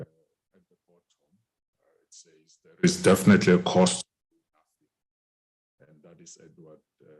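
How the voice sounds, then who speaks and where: A very deep male voice coming through a group voice chat, with the audio dropping in and out. He speaks slowly in a measured, formal way. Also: dark tone, low-quality recording. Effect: group voice chat audio that keeps breaking up. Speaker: presenter. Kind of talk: giving a presentation over a group video call.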